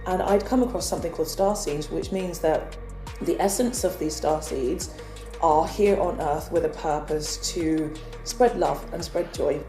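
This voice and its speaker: English woman vlogging, earnest personal story, mellow low voice, faint music in the background. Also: unhurried, roomy sound. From England. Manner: earnest, confessional. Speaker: spiritual vlogger.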